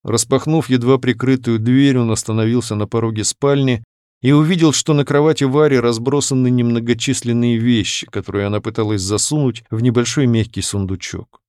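A man narrating a novel aloud in an even, measured reading voice. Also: medium pitch, clear, resonant tone, no room sound, studio quality. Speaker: audiobook narrator. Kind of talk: scripted narration.

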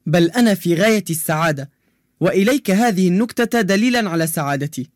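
A man's voice: high voice, animated, quick pace, no echo, studio quality. An actor playing a cheerful young male contestant who tells jokes in a children's radio drama. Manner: cheerful, playful storyteller. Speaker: radio show character who answers quizzes and tells jokes.

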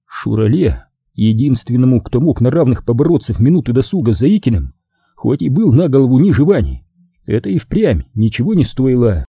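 Guy narrating an audiobook, dark husky voice, expressive and lively. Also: mid-range voice, a little fast, no echo. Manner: expressive storytelling reading. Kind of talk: scripted narration.

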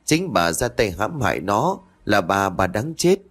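A man's voice: on the low side, very animated, unhurried, exaggerated voice. A man voicing a wronged blind young mother who cries out accusations and curses. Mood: anguished.

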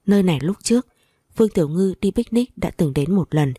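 A woman narrating an audiobook story in a steady, even storytelling manner. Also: fairly low pitch, a little fast, husky, no room sound, clean studio sound.

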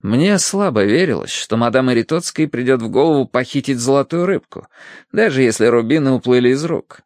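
A man narrating an audiobook in a lively, expressive way. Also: medium pitch, brisk, no room sound, studio quality. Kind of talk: scripted narration.

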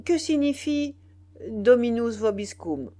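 A woman's voice: on the high side, expressive, takes it slowly, pitched above the performer's own voice. Woman doing a crafty, furious rebel general. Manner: loud, scolding, raised voice. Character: imperious, crafty rebel general, angry and mocking.

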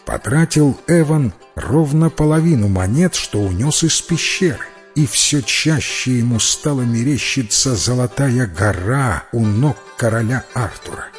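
A man narrating a fairy tale as an audiobook, in slow, even storytelling. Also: mid-range voice, soft background music.

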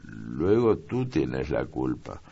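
A man voicing a refined, moody young noblewoman in a slow, deliberate, raised voice in an audiobook reading. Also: rumbling low, very animated, vocal fry, warm tone, breathy edge, highs cut off, heavily acted.

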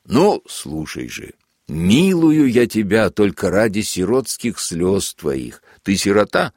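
A man voicing a cruel army lieutenant who speaks with syrupy, sanctimonious mock kindness and shouts gleefully at a flogging. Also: fairly low pitch, big pitch swings, takes it slowly, dry recording, studio quality, heavily acted. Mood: mock-gentle. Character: sadistic mock-kindly male army lieutenant.

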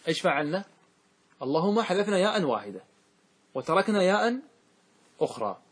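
A middle-aged man, a religious scholar, teaching grammar to a class, often quizzing his students and drawing out example words slowly. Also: high voice, big pitch swings, husky. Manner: questioning, repeats and drawls out example words. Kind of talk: classroom lesson with questions to students.

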